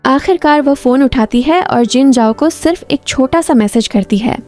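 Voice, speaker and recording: A woman narrating a drama recap in a smooth, even storytelling delivery. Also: high voice, normal speed, faint music behind.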